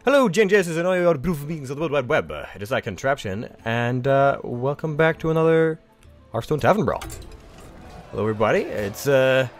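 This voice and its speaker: Animated and fairly quick, a gaming YouTuber with a mid-range voice rambles through casual gameplay commentary while faint music plays. He's a bit froggy and congested from the sniffles, chuckling and thinking aloud.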